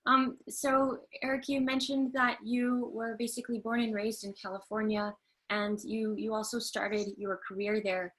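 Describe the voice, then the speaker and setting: A woman's voice: a little high, little pitch movement, moderate pace, fairly bright tone. Canadian-born woman hosting a webinar. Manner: polite, frequent um fillers. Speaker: host and trainer. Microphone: video call.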